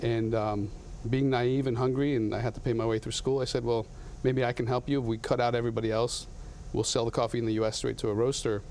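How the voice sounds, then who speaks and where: Earnest man with a gravelly voice. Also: mid-range voice, little pitch movement, a little mellow, a little hiss or hum. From Latin America. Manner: earnest, halting with frequent restarts. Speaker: guest, coffee company founder. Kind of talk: TV studio interview. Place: TV studio. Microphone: lapel.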